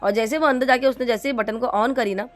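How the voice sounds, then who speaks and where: Middle-aged female vlogger from India, somewhat high pitch, rambling storyteller. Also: fast. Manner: chatty, rambling, many fillers and restarts. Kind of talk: casual storytelling to viewers.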